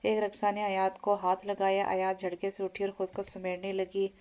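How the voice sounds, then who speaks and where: A woman reads a romance audio novel aloud in a steady, mid-pitched voice. Her intonation stays unusually flat from line to line. She often trips on a word and starts it again. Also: moderate pace. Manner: frequent slips and self-corrections.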